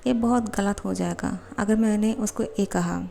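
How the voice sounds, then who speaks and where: A woman voicing a shy young man who muses quietly to himself, lovesick and unsure. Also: mid-range voice, fairly even intonation, unhurried, vocal fry, faint music behind. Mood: wistful. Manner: quiet musing inner voice.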